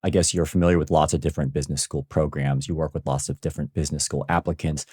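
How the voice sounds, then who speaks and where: A man's voice: extremely low pitch, flat delivery, fast, darkish tone, husky, no room sound, studio quality. A man hosting a career podcast and asking his guest questions. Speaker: podcast host. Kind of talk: interview podcast.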